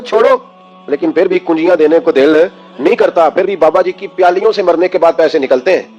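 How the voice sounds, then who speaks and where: A man's voice: fairly high pitch, a little mellow, dull audio. A man preaching an emotional sermon, impassioned, firing rhetorical questions at his listeners.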